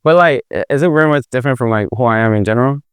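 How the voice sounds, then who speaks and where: A man's voice: mid-range voice, racing, clean tone, dry recording, clean studio sound. A man from Nigeria with a Nigerian accent, hosting a casual chat in a joking, goofy way. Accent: Nigerian English. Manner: goofy, joking, switches registers. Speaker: podcast host.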